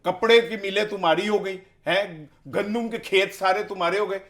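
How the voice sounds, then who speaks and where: A man's voice: high-pitched, fairly bright tone. A man giving heated political commentary as an analyst, speaking in an impassioned, rhetorical way and piling up questions.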